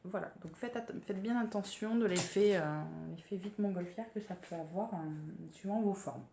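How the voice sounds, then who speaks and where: A woman's voice: medium pitch, normal speed, dark tone, a little hiss or hum. A French woman talking casually about her sewing projects, hesitant and full of fillers. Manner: chatty, hesitant, many fillers and restarts. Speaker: sewing vlogger. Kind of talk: casual sewing podcast chat. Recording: echoey room with faint ambience.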